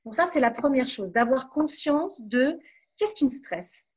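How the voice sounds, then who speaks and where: A woman from France giving calm advice as a webinar coach, pausing on fillers and restarting her phrases. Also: high-pitched, husky, highs cut off. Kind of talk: online webinar talk.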